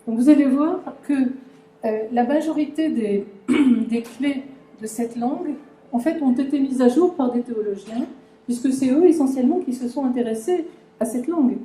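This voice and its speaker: In an echoey lecture room, a woman gives a conference talk explaining a language. Her voice sits high but has a dark tone, she speaks at a normal speed, and she addresses the audience with many fillers and restarts.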